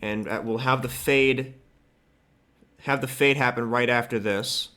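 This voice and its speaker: A man hosts a game modding tutorial, talking casually over screen capture and thinking aloud as he works. He's informal and offhand, swearing now and then. His mid-range voice is steady, a little slow, and sounds pushed and bright.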